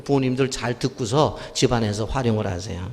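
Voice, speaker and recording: A man's voice: medium pitch, fairly quick, creaky. Preaching man in a reverberant church. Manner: animated preaching, voicing parents and children in quotes. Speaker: pastor. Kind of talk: sermon. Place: church sanctuary. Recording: long church hall reverb.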